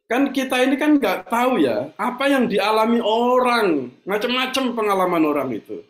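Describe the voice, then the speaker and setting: A man's voice: high voice, reverberant. A man, a pastor preaching in a chatty storytelling way to his congregation. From Indonesia. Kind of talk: sermon.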